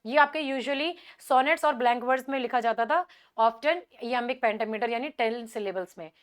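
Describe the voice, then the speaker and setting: A woman with a high, clear voice gives an exam-prep lesson on poetry. She explains step by step, checks in often with quick tag questions, and slows down when she recites lines of verse. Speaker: English teacher.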